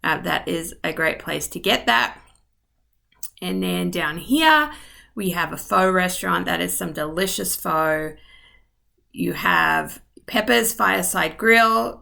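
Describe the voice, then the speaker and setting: A woman agent gives a map tour over screen share while her voice is going, leaving her a bit short of it. The voice is fairly low, gravelly and sharp-toned. Her manner is warm and informal, sprinkled with ums and little asides.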